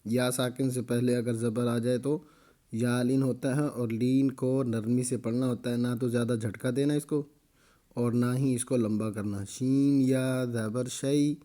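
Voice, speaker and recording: A man teaching Quran reading, slowly spelling out each letter and vowel, then briskly explaining the rules. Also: mid-range voice, fairly even intonation, dark tone. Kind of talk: slow spelling-out recitation lesson.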